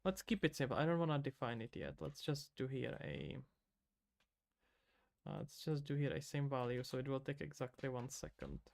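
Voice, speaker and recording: An indie game developer from the Czech Republic streams live with a Czech accent, muttering to himself while coding and tossing loose, casual replies to chat. His mid-range voice has vocal fry and a moderate pace.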